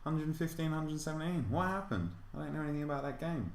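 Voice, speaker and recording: A man's voice: on the high side, lively intonation, quick pace. An English man co-hosting a podcast, chatty and joking, leading the conversation in casual sports chat. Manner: chatty, joking, prompts his co-host. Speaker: podcast co-host. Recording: roomy home recording.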